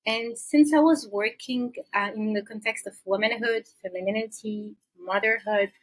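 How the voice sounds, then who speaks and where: A hesitant middle-aged woman from Senegal, appearing as a psychologist guest, answers interview questions thoughtfully with many pauses and hesitations. Her voice is on the high side with a steady tone, and the audio is poor.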